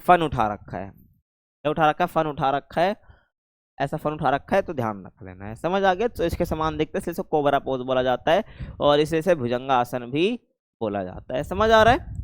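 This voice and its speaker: Chatty male teacher, smooth dry voice. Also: a little high, expressive, normal speed, no room sound. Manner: chatty, keeps checking understanding, calls students 'bhai'. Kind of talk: casual classroom explanation.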